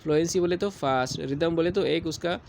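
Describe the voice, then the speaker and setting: Higher-voiced man teaching a lesson. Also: creaky, darkish tone, a little hiss or hum. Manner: slow deliberate English reading, quicker explanations; repeats "theek hai" to check understanding. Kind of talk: lecture explaining syllabus.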